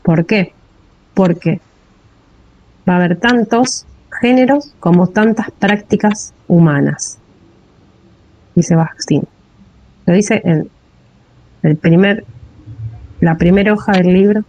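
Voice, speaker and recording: A woman's voice: lowish voice, slow pace, pauses often, darkish tone, rough recording. A woman with a Rioplatense Spanish accent giving a classroom lecture on linguistics, often checking in with a rising "¿sí?". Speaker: teacher.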